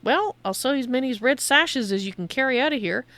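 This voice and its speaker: A woman's voice: high-pitched, lively intonation, fairly quick, a bit bright, no echo, pitched above the performer's own voice. Casting: woman as sly outlaw merchant for a game, boastful, roguish salesy patter. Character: shady, sly, boastful cave trader and outlaw. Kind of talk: voiced reading of video game dialogue.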